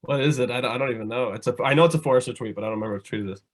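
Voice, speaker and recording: A man with a Minnesota accent hosting a podcast over a video call, rambling and profane and quick to laugh. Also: medium pitch. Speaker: podcast host. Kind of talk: casual podcast chat.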